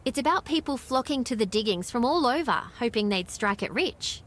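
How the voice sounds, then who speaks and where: A woman's voice: a little high, expressive, fairly quick, a bit bright. An actress with an Australian accent playing a friendly, knowledgeable small-town woman in video game dialogue, chatty and explanatory. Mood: informative.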